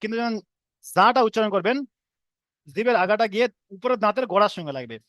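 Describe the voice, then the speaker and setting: A man's voice: high voice, animated, fast, fairly bright tone, no room sound. A man teaching an online class, patiently repeating and drilling each letter sound for his students.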